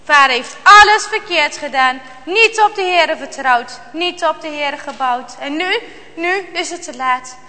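High, bright-voiced woman telling a story. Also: big-room sound. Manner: dramatic, slow storytelling with hushed tension. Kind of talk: children's Bible story reading.

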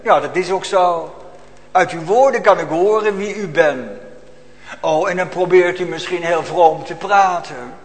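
A man preaching a sermon in a church, swinging from loud exclamations to hushed, almost whispered lines. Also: high voice, a little slow, in a large hall. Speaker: pastor.

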